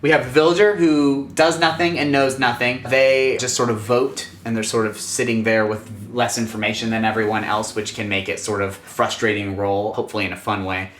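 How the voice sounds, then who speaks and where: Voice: mid-range voice, steady tone, brisk, few pauses. A game host casually explaining the rules of a game to the group. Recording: roomy, echoey room sound.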